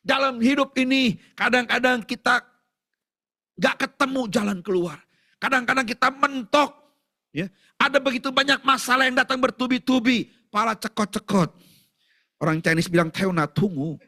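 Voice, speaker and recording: Lively, bright-voiced Indonesian preacher man. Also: very high-pitched, normal speed. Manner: animated preaching, asks the congregation questions, shouts out prayers. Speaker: pastor. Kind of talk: sermon. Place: church service.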